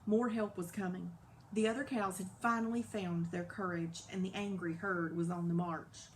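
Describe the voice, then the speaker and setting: A woman narrating a children's novel aloud in a lively, dramatic storybook style. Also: on the low side, moderate pace, a little hiss or hum. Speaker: audiobook narrator.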